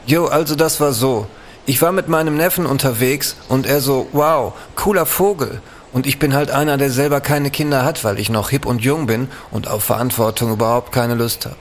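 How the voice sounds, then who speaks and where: A hip, childless uncle acted by a man gives a spoof app testimonial in casual, self-deprecating slang. His voice is mid-pitched, with faint ambience behind it. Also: moderate pace, slight background noise, close to an everyday voice. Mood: smug, casual.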